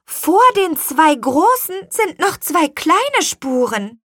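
A woman's voice: high voice, very animated, slow pace, a bit bright, no echo, clean studio sound, pitched above the performer's own voice, exaggerated voice. A woman voicing an earnest young girl who wonders aloud in a storybook. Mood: wondering. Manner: wondering, contrite.

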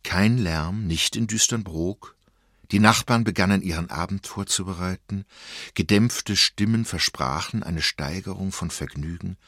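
A man narrating a literary story in a measured, expressive reading. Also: low-pitched, no room sound, clean studio sound.

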